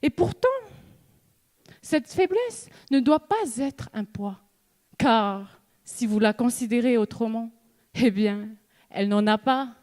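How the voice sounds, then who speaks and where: A young woman from New Caledonia, a student giving a contest speech on stage with slow, measured delivery, dramatic pauses and repeated refrains. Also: fairly high pitch, animated, darkish tone. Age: young adult. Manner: rhetorical questions and repeated refrains. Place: stage in a hall before an audience.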